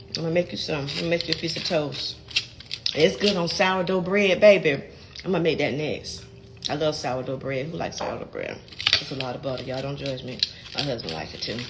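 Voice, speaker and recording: Middle-aged woman, folksy home-cooking vlogger, lower register. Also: background noise. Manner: chatty, folksy, calls viewers baby and child. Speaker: home cook and gardening creator. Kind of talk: casual how-to vlog. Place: home kitchen.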